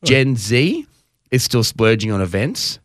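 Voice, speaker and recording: A man's voice: mid-range voice, sing-song, unhurried, dry recording, clean studio sound. A man co-hosting a podcast, chatting casually in a rambling way, often breaking off his sentences for jokey asides. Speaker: podcast co-host. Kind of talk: casual chat.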